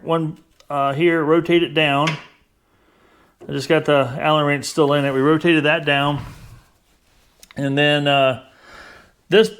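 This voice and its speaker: A man's voice: on the high side, fairly bright tone. A man talking casually while working on a motorcycle, explaining each step in a plainspoken, wry and slightly exasperated way. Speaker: home mechanic. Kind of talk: casual how-to commentary. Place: backyard garage workspace.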